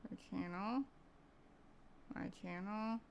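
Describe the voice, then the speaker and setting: A woman game streamer chats and reacts casually during a live stream. Her voice is creaky, with vocal fry at the edges. There is faint noise under her over the game audio. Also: mid-range voice, fairly even intonation, slow, rough recording.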